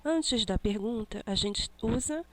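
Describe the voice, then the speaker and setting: A woman teacher slowly correcting a classroom exercise, stressing each punctuation mark she names. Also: a little high, lively intonation, a bit bright.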